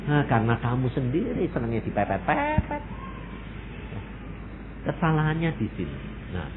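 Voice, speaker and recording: Man, Javanese accent, preaching a sermon, highly animated pitch, tinny lo-fi sound, faint hiss. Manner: animated, mixes in Javanese, acts out quoted prayers. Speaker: pastor. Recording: tinny phone-like sermon recording.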